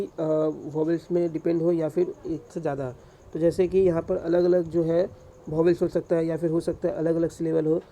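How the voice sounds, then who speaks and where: Gravelly-voiced man lecturing. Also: fairly high pitch, dark tone, a little hiss or hum. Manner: rhetorical questions answered himself, frequent fillers. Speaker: English teacher. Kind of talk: classroom lecture explaining grammar.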